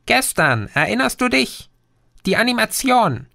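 Pushy little green dwarf , done by a male reader, pitched well up, coaxing and cheeky; storybook. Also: very animated, a little slow, vocal fry, sharp tone, full character voice.

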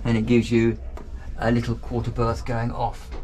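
A man's voice: medium pitch, completely flat delivery, moderate pace, darkish tone. Upbeat man touring a boat on camera. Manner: chatty, upbeat, thinking aloud as he goes. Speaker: boat reviewer giving a walkthrough tour. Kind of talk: casual walkthrough vlog. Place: outdoors on a marina pontoon and inside a small motor boat cabin.

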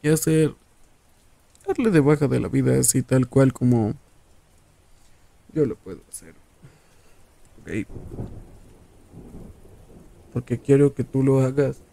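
A man playing a menacing, possessive serial killer lover in an ASMR roleplay, taunting and condescending in a drawn-out way. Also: medium pitch, vocal fry, dark tone. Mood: irritated, commanding.

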